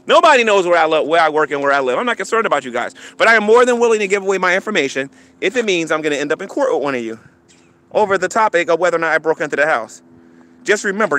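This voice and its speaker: A man's voice: sits high, a bit bright. A man ranting on a livestream, taunting and defiant, stammering and repeating himself, breaking into mocking laughter. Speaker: YouTube livestreamer.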